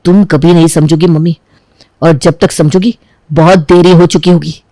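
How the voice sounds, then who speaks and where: A woman voicing a young man, a resentful, worn-down son who speaks in a sullen, bitter way, in an animated drama. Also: on the low side, moderate pace, no room sound, voice pushed down, lightly acted.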